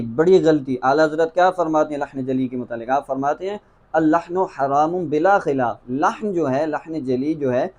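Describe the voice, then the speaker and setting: A man with a Pakistani Urdu accent teaching a tajweed lesson, drilling letter sounds slowly and repeating each one for the viewer. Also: fairly high pitch. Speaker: Quran recitation teacher.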